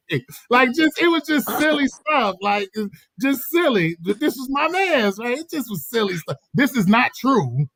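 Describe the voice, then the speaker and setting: A middle-aged man telling a casual, animated story on a podcast, laughing as he goes. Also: very high voice, a little slow, hardly any pauses, no echo. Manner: animated, laughing, slips into quoted voices. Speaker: podcast host.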